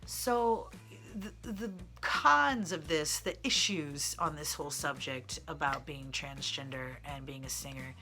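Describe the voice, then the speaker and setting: Faint music plays behind this singer and vlogger, a transgender man in his thirties from the American Midwest. His feminine-sounding voice is fairly high, bright, and forceful, and he takes his time while telling candid, rambling personal stories to camera, full of fillers.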